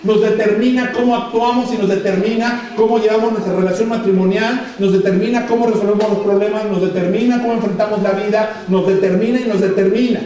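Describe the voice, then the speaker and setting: A man's voice: high-pitched, fairly even intonation, fairly quick, hardly any pauses, dark tone, a little hiss or hum. A man with a Mexican accent, preaching a sermon as pastor, speaking emphatically and acting out dialogue. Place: church hall. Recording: echoey church sound from far off.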